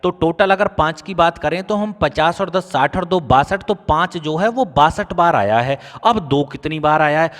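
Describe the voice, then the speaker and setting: A man's voice: fairly high pitch, animated, normal speed, hardly any pauses, fairly bright tone. A man with a North Indian Hindi accent teaching a maths lesson step by step. He asks the class questions and answers them himself. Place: coaching-centre classroom. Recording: long room reverb.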